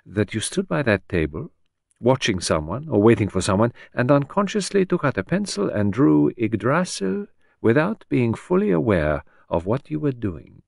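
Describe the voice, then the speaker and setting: A man voicing a fastidious middle-aged male detective, precise and probing, in an audiobook. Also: mid-range voice, big pitch swings, gravelly, darkish tone, dry recording, studio quality, voice pushed up. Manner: precise, probing, coolly insistent. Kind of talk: audiobook character voice.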